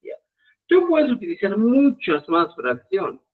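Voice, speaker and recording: A man's voice: high-pitched, wildly swooping pitch, slow pace. A man teaching a live Quechua language lesson, explaining step by step and checking in with his students. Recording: tinny phone-like live stream audio.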